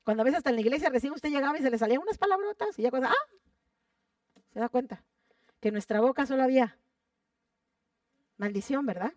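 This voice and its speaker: A woman's voice: high voice, animated, fast, long pauses, a little mellow, no echo, clean studio sound, distant mic. Fervent woman preaching, heard from afar. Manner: fervent, repeats phrases for emphasis, asks the congregation questions. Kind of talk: sermon. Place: church sanctuary.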